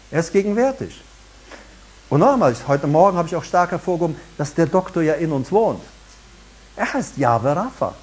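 A middle-aged man preaching a sermon as pastor, emphatic and lively, rising and dropping for effect. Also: fairly high pitch, husky.

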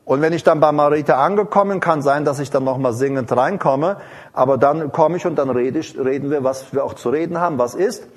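Speaking a little high and fairly quickly, this man gives a loose, digressive sermon. He restarts often, leans on fillers, and breaks into singing praise and speaking in tongues between his sentences.

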